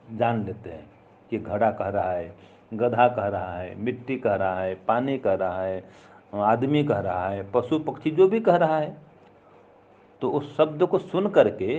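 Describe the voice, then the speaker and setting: A man's voice: fairly low pitch, darkish tone. Man, patient teacher, explains a classical text, repeats each point with examples, slightly dull lo-fi sound. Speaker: philosophy teacher.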